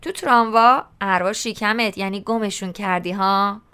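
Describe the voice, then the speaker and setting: A woman's voice: medium pitch, fairly even intonation, pushed and bright, clean tone, natural voice. A woman voicing a nosy, tactless eighteen-year-old schoolboy who asks blunt, nagging questions in an audiobook. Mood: prying. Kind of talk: audiobook character reading.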